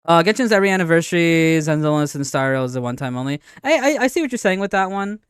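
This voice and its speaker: Clear-voiced man, halting casual streamer debate. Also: a little high, expressive, no echo, clean studio sound. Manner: halting, repetitive, argumentative insistence. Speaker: streamer reacting to a video and answering chat. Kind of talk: casual live commentary, debating game updates.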